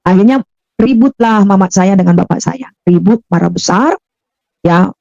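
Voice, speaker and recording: A woman's voice: medium pitch, normal speed, gravelly, dark tone, no room sound. Woman telling her testimony, lo-fi sound. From Makassar, Indonesia. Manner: storytelling, acting out quoted dialogue, repeating phrases. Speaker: testimony speaker. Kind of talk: personal testimony.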